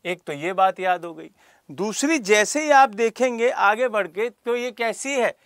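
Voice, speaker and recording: Guy teacher, fairly high voice, keeps asking the class did you get it, calls kids by name. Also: a little slow, fairly bright tone, no room sound, studio quality. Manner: asks students rhetorical questions and calls on them by name. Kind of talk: classroom lecture for exam prep.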